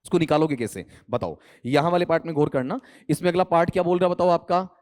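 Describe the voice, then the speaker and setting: सवाल पूछता उत्साही हिंदी शिक्षक, राजस्थानी लहजा. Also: male voice, quick pace, no echo. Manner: lively, keeps quizzing students with "bataao" and "theek hai"; rises and drops pitch a lot for emphasis. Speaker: English teacher for competitive exams. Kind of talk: exam coaching lecture in Hindi.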